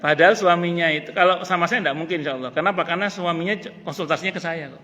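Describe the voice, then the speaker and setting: A man a tinge gives a casual religious lecture, lively and joking. His voice is bright and a little high. A long reverb from the mosque hall trails behind him. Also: very fast. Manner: lively, joking asides, repeats key phrases. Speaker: ustadz teaching a mosque study group.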